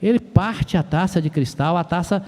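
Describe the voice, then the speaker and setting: A man from Brazil, preaching a sermon as pastor, asking rhetorical questions and rising to loud shouted exclamations. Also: sits high, moderate pace. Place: church sanctuary. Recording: long church hall reverb.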